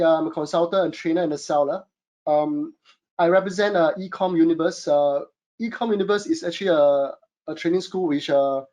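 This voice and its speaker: This man from Singapore has a slightly high voice with a darkish tone and a Singaporean English accent. Working as an e-commerce consultant, he hosts a webinar from a home studio, keeping it chatty with many fillers and addressing everyone as "guys."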